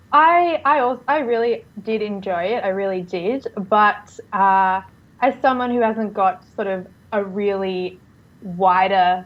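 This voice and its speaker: Australian woman, podcast guest, candid, slightly dull lo-fi sound. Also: medium pitch. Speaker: podcast guest, movie reviewer. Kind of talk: casual podcast chat.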